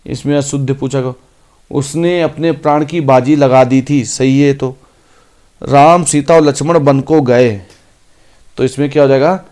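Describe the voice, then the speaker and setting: A man's voice: mid-range voice, steady tone, darkish tone. Man teaching a grammar lesson. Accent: Hindi. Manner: reads each sentence out slowly, then explains briskly. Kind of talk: exam-prep grammar lesson.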